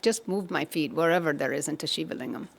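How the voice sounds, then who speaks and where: A woman's voice: low-pitched, fairly quick, creaky. Woman voicing an old, serene guru. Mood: frail. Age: older. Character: old, eccentric male guru, slow and serene.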